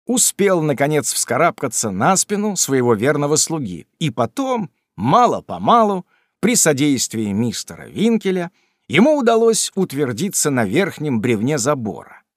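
A man narrating a classic novel in an expressive storytelling voice. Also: a little high, moderate pace, dry recording, studio quality. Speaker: audiobook narrator.

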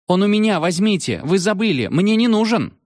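A man voicing a scared, rude seventh-grade schoolboy in an audiobook, shouting in a frantic panic. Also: high voice, lively intonation, a little fast, no echo, clean studio sound, pitched above the performer's own voice. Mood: anxious. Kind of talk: audiobook character voice.

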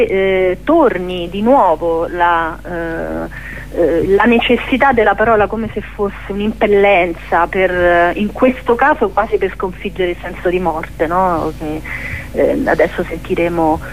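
Hesitant woman radio interviewer, noisy recording. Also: lowish voice. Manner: hesitant, searches for words, many pauses. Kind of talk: reflective literary interview. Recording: clearly noisy, humming background.

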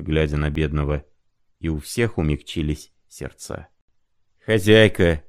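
A man narrating a literary audiobook in a measured, even storytelling manner. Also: low-pitched.

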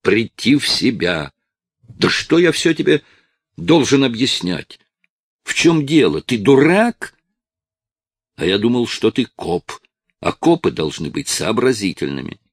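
A man's voice: medium pitch, very animated, unhurried, pauses often, slightly rough, no echo, clean studio sound. A man voicing a desperate teenage addict. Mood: agitated. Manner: shouting, pleading, sobbing. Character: desperate eighteen-year-old male addict, tearful and abusive.

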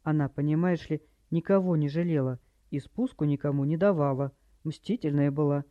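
A man's voice: on the high side, normal speed, no room sound, natural voice. A man reading an audiobook, voicing a drunk, maudlin widower who rambles plaintively, in a dry, slightly dull recording.

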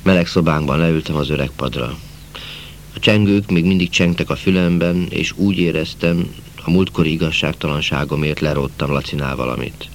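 A man reads a novel aloud in a calm, measured way, his sentences sinking at their ends. His voice is very deep. A faint hiss runs underneath. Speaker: audiobook narrator. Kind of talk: scripted novel narration.

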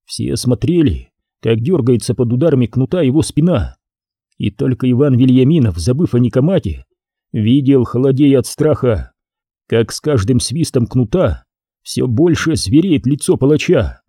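Dark, husky male audiobook narrator. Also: mid-range voice, moderate pace, no room sound, clean studio sound. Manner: dramatic, expressive reading. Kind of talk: scripted narration.

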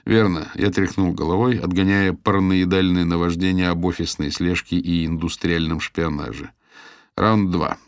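A man narrating an audiobook in the first person, in an expressive, animated storytelling manner. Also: sits low, normal speed, hardly any pauses, no room sound, clean studio sound.

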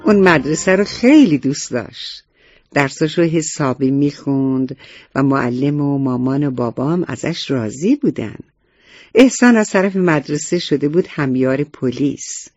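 A man's voice: a little high, a little mellow, no echo. Man narrating a children's story. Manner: addresses young listeners directly. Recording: dull, muffled recording.

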